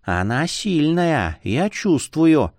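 Brief: tiny squeaking mosquito wife, voiced by a male reader, high and quick-urging, storybook audiobook. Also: sing-song, darkish tone, dry recording, clean studio sound. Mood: urgent. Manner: squeaky, urgent whispering at the ear.

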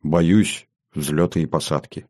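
A man reading the part of a young woman who is nervous about flying, speaking softly and tensely, in an audiobook. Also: rumbling low, steady tone, takes it slowly, no echo, clean studio sound, voice pushed down, heavily acted. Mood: anxious. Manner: soft, hushed and tense.

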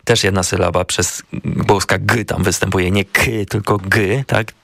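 A man co-hosting a radio show, chatting casually and hesitantly, with many filler sounds and pauses. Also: low-pitched, steady tone, creaky, a bit bright, dry recording, clean studio sound. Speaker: radio co-host. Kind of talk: casual radio chat about Japanese words. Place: radio studio.

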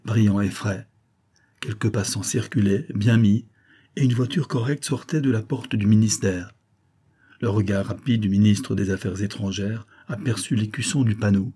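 Husky dark-voiced male narrator. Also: fairly low pitch. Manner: steady, measured reading. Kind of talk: audiobook narration.

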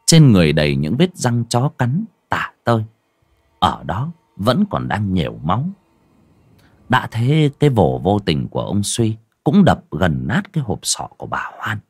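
A man's voice: on the low side, wildly swooping pitch, measured pace, darkish tone, breathy edge, no room sound, clean studio sound. A man narrating an audio horror story in a dramatic, lurid storytelling manner.

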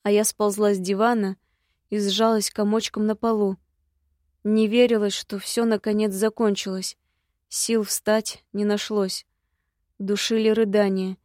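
A woman narrates an audiobook in a measured, scripted reading. Her voice sits at a middle pitch and stays flat and even. The recording is dry, with no room sound. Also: no echo.

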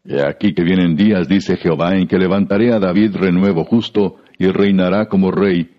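A man giving a measured, solemn scripted Bible reading, heard through a muffled radio broadcast. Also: deep voice. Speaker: scripture reader.

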